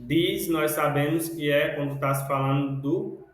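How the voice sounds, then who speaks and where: A man teaching an English class, speaking slowly and repeating words one by one to model their pronunciation. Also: a little high, fairly even intonation, heavy reverb, rough recording.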